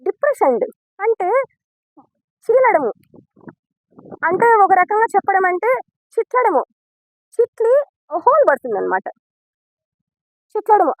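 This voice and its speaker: A woman's voice: very high-pitched, no room sound. A woman gives a statement to news reporters as a mother and teacher. She sounds earnest and upset and recounts events step by step, ending sentences politely. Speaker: mother and school biology teacher.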